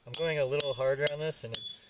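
This man talks fast in a steady, higher-than-average voice, plainly narrating his thoughts as he tries camping hammers. It is a casual gear test on open dirt among pine trees, captured by a camera mic at a distance with faint noise.

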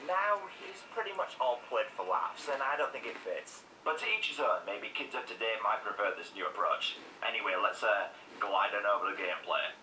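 A man's voice: fairly low pitch, expressive, normal speed, few pauses. A man narrating a scripted critical game review in a sarcastic, opinionated way. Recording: echoey room, distant mic, faint noise.

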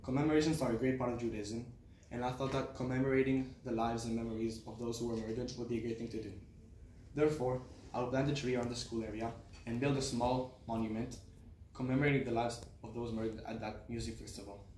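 A young man from Israel, somewhere between his teens and early adulthood, gives a prepared personal speech as a student in a small classroom. His medium-pitched voice is darkish and fairly even, and he talks fast. A camera on a desk several metres away picks him up, so the sound is roomy and distant with faint noise.

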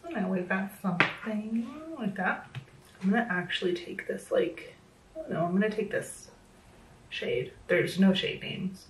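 A makeup vlogger in her thirties chats casually through a tutorial at home, animated and unhurried, with a medium-pitched voice that is a little worn because she's slightly losing it. She's self-deprecating and uses lots of fillers. The small indoor room gives a roomy echo, she sounds a bit distant from the mic, and there's background noise.

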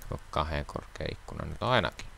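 Deep-voiced joking let's play host. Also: male voice, animated, gravelly, pushed and bright, a little hiss or hum. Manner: joking, sarcastic banter. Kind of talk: casual gaming chat.

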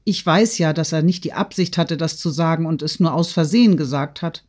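Brief: male reader doing an impulsive teenage girl, high and eager, audiobook. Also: brisk, a little mellow, close to an everyday voice. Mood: excited. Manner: high, eager, breathless pleading. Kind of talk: audiobook character reading.

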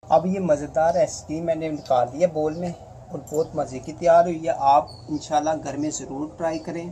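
A man calmly talking through a recipe step by step as a cooking presenter. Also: a little high. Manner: calm, unhurried instructions. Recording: noisy home recording.

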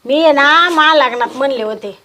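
A woman's voice: high voice, moderate pace, bright, forceful tone. A woman playing a thrifty, bossy village wife in a comedy skit, talking with a homely, nagging manner. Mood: bantering. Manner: homely, rustic, nagging about money. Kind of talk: comic domestic banter.

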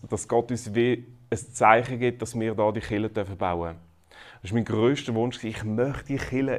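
A man in his thirties with a Swiss German accent, preaching a sermon in a lively, conversational way with humor. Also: mid-range voice. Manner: lively, conversational preaching with frequent "oder?" tags and self-deprecating humor. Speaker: pastor. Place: church.

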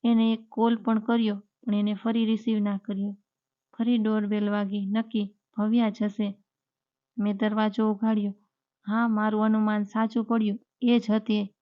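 A woman narrating a scripted first-person story in a steady, even reading voice. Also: mid-range voice, normal speed. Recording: dull lo-fi recording.

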